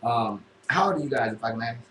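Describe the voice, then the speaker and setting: A man hosting a casual interview on an internet radio show, talking in a relaxed, drawling way with many fillers. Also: mid-range voice, quick pace. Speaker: radio host. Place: radio studio room. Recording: echoey room, faint noise.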